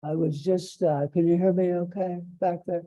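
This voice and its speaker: An older man giving an informal talk as a guest speaker, with a halting, unhurried, off-the-cuff delivery. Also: sits high, flat delivery, dark tone, muffled recording. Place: museum event room with audience.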